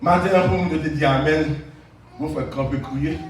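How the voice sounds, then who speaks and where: A male evangelist, preaching a fervent sermon and often shouting and calling amen to the congregation. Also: a little high, steady tone, measured pace. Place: church hall. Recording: echoey church hall, far mic, music and crowd behind.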